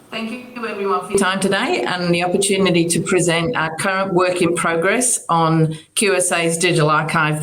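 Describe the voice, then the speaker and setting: A woman archive director giving a conference presentation remotely, speaking in a measured, formal way. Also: lowish voice, slight background noise. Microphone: remote video call. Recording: echoey remote feed.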